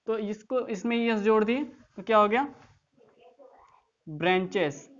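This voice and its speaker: A woman's voice: medium pitch, measured pace, highs cut off. A woman teaching English grammar in an online class, explaining step by step and often checking that students follow.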